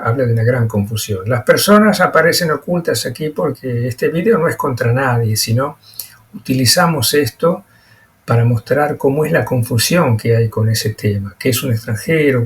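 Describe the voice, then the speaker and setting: A man with a mid-range voice gives an explanatory lecture over slides. His delivery is halting, with frequent pauses and repeated words.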